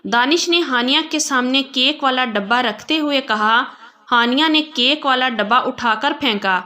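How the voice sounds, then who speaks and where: Bright-voiced woman narrating a story. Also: sits high. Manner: calm, emotional storytelling.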